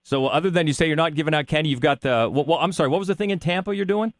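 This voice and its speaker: A man's voice: on the high side, rapid-fire, dry recording, studio quality. A man co-hosting a podcast in a casual, conversational interviewing style.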